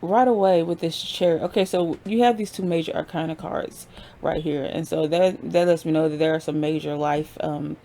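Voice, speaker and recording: A tarot reader does a casual pick-a-card reading, chatting informally in slang, filling her speech with fillers and laughing often. Her voice is low-pitched, steady and mellow, at a moderate pace.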